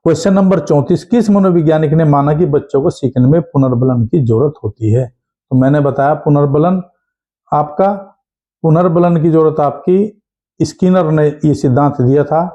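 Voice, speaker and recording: An animated man teaching an exam-prep lesson, firing questions at his students and answering them himself. His voice sits a bit high but has a mellow, dark tone. The recording sounds dull and lo-fi. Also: normal speed. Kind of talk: lecture. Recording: dull lo-fi audio.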